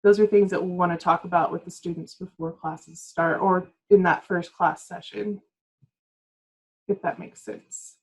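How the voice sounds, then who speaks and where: A woman's voice: fairly low pitch, fairly even intonation, a little slow, a little mellow, slightly rough, poor audio. A woman leading a staff training session over a video call, explaining step by step in a patient, casual way. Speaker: workshop presenter.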